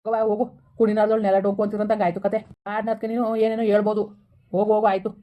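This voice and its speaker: Brief: woman doing a grumpy old village grandpa, scolding, fast-talking, mellow tone. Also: mid-range voice, little pitch movement, natural voice. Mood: angry. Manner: scolding, grumbling. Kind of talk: village comedy skit acting.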